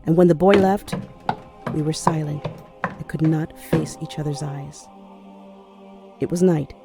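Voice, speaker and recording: A woman's voice: deep voice, fairly even intonation, a little slow, creaky, over loud music. A woman narrating a short story in an earnest, solemn reading.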